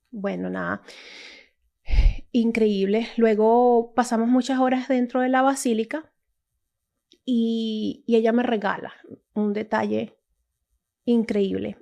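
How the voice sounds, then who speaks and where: Woman from Latin America, personal testimony, emotional storytelling, slightly high voice, chatty with restarts. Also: creaky, darkish tone. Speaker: testimony speaker.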